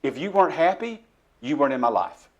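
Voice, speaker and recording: A middle-aged man preaching a personal testimony sermon in a church, swinging between soft hushed lines and loud emphatic ones. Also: fairly high pitch, sing-song, fairly quick, muffled recording.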